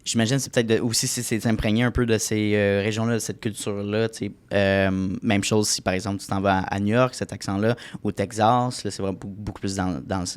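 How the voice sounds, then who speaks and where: A man's voice: fairly low pitch, level tone, fairly quick, few pauses, clear, resonant tone. A man with a Québécois French accent who hosts a podcast interview, chatty and full of fillers. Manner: chatty, many fillers and restarts. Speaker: podcast host.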